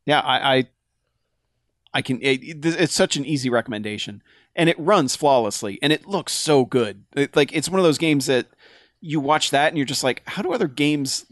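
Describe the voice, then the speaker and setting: Young man, mid-pitched, lively storyteller in casual chat, dry close mic. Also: normal speed, no echo. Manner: animated retelling, acting out quoted lines. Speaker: podcast co-host. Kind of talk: casual chat about a video game.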